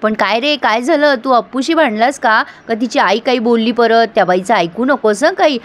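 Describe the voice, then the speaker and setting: A woman's voice: a little high, moderate pace, lightly acted. A woman voicing a fussy, caring older mother who chats while busy with chores. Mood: fussing. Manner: busy, fussing, chatty.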